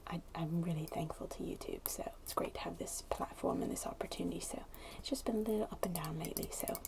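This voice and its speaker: Sitting indoors at a wooden table, an ASMR video creator speaks to viewers in a very soft, breathy near-whisper, casual and hesitant, with a fairly low pitch and fast pace. Her fingernails tap and scratch on a glass bottle, adding clicky noise over the close voice.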